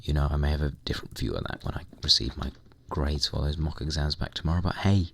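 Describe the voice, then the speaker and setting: A young man with a hoarse, croaky voice, chatting casually and rambling while playing a computer game. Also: a bass voice, fast talker, a bit bright. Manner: rambling, chatty, mild swearing. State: hoarse, recovering lost voice. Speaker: gaming vlogger. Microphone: desk microphone at computer.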